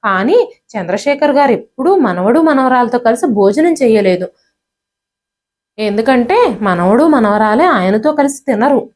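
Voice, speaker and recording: A woman narrates a moral storybook tale in a steady, even reading voice. Her pitch sits a little high, and she reads in a scripted narration style. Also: measured pace.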